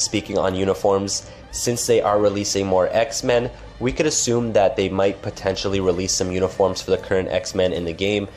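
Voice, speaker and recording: A man with a deep, slightly mellow voice hosts a gaming channel, chatting casually through the game news. A cold has his voice stuffed up and congested. His talk is full of restarts and filler phrases.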